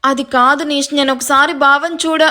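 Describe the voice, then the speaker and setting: A woman voices a hot-tempered young woman in an audio story who snaps at whoever blocks her way. Her voice sits high and sounds bossy and impatient. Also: steady tone, normal speed, bright, forceful tone. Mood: irritated. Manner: angry, commanding.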